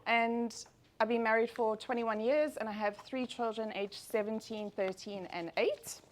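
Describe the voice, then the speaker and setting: A South African woman in her forties gives an upbeat business presentation at a networking meeting, saying um often. Her voice is a little high, with fairly even intonation, and she speaks a little slowly.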